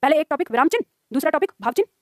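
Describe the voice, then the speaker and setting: A woman's voice: high voice, expressive, very fast, no room sound, studio quality. A woman teacher giving a lecture to students, explaining with examples and repeating lines for them to write down. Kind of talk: classroom lecture.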